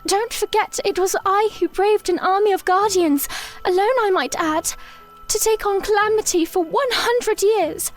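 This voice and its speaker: A woman playing a proud, defiant young princess in an audio drama, firm and measured, with formal phrasing. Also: extremely high pitch, faint music behind.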